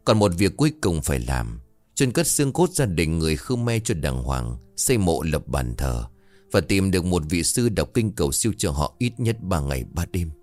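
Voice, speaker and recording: A man voicing a calm, authoritative older village shaman in a ghost story. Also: low-pitched, moderate pace, no echo, soft background music. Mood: solemn.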